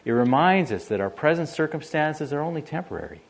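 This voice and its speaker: A man's voice: on the high side, big pitch swings, a little fast, creaky. A man preaching a sermon in a conversational way, shifting his emphasis often. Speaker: pastor.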